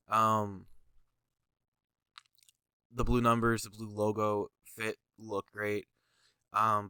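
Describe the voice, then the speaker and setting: Reviewing jersey designs he made himself, this young channel host talks casually over the images, drifting off on tangents and leaning on fillers. He sounds stuffed up, sniffly and tired, his slightly low voice bright, smooth and a bit tense. The mic is close and the sound is dry, with no room ambience.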